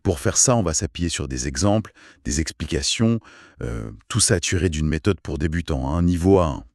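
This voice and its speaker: A deep-voiced man leads a beginner language lesson at an unhurried pace. His pitch moves a lot as he articulates carefully and repeats the key phrases. The sound is dry and close. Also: animated, a little mellow, no echo. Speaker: French teacher.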